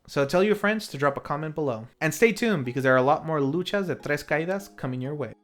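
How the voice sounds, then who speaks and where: A man with a slightly high, expressive voice talks at a quick pace over background music. He hosts and narrates a retro lucha libre film review series, reading a scripted recap full of playful, self-mocking commentary.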